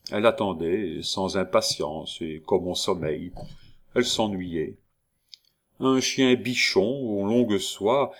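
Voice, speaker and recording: A man narrating a classic novel as an audiobook in a measured, deliberate reading. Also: low-pitched.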